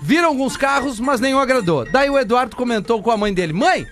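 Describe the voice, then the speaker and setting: A man with a very high voice hosts a radio comedy show. He reads a listener's email on air in a brisk, even way, with faint music underneath.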